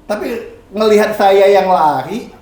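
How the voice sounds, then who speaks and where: A man telling a personal story in casual talk, lively, acting out his own past words. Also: sits high, unhurried, crowd noise. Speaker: guest. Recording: roomy room with faint ambience.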